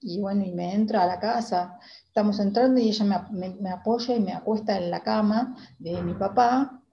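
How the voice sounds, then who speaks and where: A woman with an Argentine accent playing a timid young girl in a theater monologue, talking in a hesitant, halting way. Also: mid-range voice, vocal fry, muffled recording, slight background noise, lightly acted. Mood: wistful. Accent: Argentine Spanish. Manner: hesitant, halting, many restarts. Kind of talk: theater monologue, reliving a memory.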